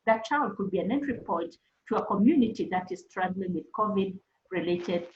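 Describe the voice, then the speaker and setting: A woman's voice: medium pitch, lively intonation, normal speed, echoey room, dull audio. A woman speaking as a counselor, earnestly advising teachers and repeating points for emphasis. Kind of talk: webinar talk to teachers.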